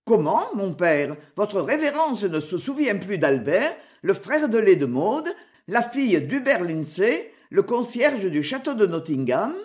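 A woman's voice: medium pitch, very animated, unhurried, a little mellow. A woman voicing a cheerful, teasing teenage boy messenger in a read-aloud story. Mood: cheeky. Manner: teasing, chatty.

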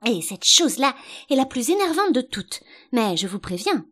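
A woman's voice: fairly high pitch, sing-song, normal speed, a bit bright, voice pushed up. A woman voicing a polite, curious little girl who talks eagerly and a little plaintively. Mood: puzzled.

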